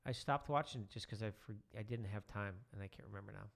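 A man's voice: fairly low pitch, quick pace, gravelly. A middle-aged man, a teacher, chatting casually as a podcast guest with lots of fillers. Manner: relaxed, rambling with many fillers. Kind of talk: casual chat.

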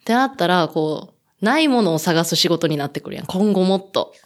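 A woman's voice: lowish voice, animated, moderate pace. A woman with a Kansai accent who owns a vintage clothing shop, talking casually and candidly, with lots of hesitant fillers. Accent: Kansai Japanese. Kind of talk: casual chat.

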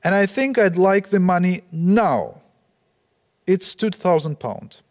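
A man reading out the lines of a gruff tailor who wants his money. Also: high voice, expressive, slow pace, darkish tone. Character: gruff male tailor demanding payment.

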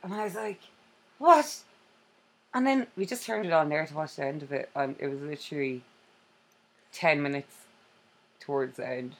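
A woman's voice: sits low, brisk, pauses often. A young woman co-hosting a casual chat, telling stories with frequent laughter. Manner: chatty storyteller, laughs often.

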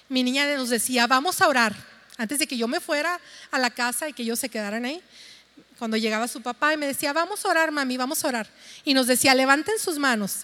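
A woman's voice: sits high, fairly bright tone. A middle-aged woman, earnestly and tenderly giving a testimony to her church congregation. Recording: long hall reverb.

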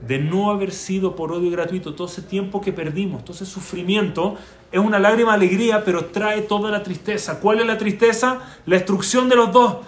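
Animated man teaching Torah, echoey room. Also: high-pitched, brisk. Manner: animated storyteller, asks rhetorical questions. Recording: echoey room with faint background noise.

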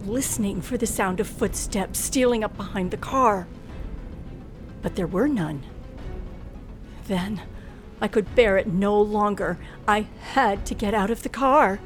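In a vintage radio drama with music underneath, an actress plays a nervous, frightened young woman driver recounting her ordeal in first person. Her mid-range voice is close to everyday speech, unhurried, with frequent pauses, and the delivery is tense, hushed, breathless, and suspenseful in old-time thriller style.

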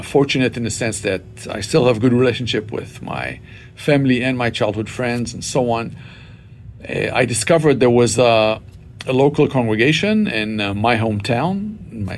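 Reflective man from Israel, low rumble. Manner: measured, reflective, frequent uh and um. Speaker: interview guest. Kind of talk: personal testimony interview.

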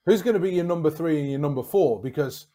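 A man's voice: a little high, fast, dark tone. A man co-hosting a sports podcast who challenges the others' picks as devil's advocate. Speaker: podcast co-host. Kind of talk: casual sports chat.

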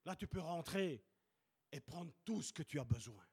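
A man's voice: a little high, lively intonation, moderate pace, a little mellow, breathy edge. A man preaching a sermon at a church service, emphatic and repeating short commands.

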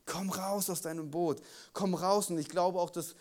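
Pastor, male, higher-pitched, animated sermon delivery with loud peaks and hushed lines. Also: normal speed. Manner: lively, shifts between loud emphasis and quiet intensity; jokes with listeners.

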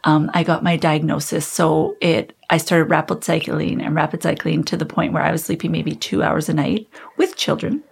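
A woman in her thirties, telling her own story as an interview guest in a candid, reflective, halting way. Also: low-pitched, steady tone, gravelly, husky.

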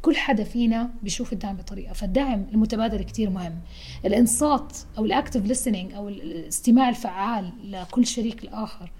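A woman's voice: medium pitch, fast, mellow, husky. A woman, hosting a podcast and explaining relationships while dropping English terms into her speech. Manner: mixes English terms into speech, acts out short example dialogues. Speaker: podcast host.

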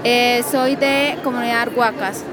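A woman's voice: on the high side, fairly even intonation, measured pace. A woman from Colombia's Sierra Nevada, an artisan vendor answering hesitantly. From Sierra Nevada de Santa Marta, Colombia. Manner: hesitant, searching for words. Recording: crowd noise at a fair.

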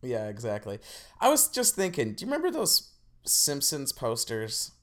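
A young man co-hosting a podcast, chatting casually in an animated, rambling way and laughing often. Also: medium pitch, normal speed. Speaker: podcast co-host. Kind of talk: casual chat.

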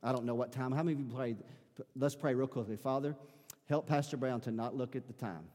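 A man's voice: mid-range voice, fairly even intonation, fairly quick, darkish tone. A man preaching a sermon as pastor, calling out rhetorical questions to his congregation. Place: church sanctuary. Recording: long hall reverb.

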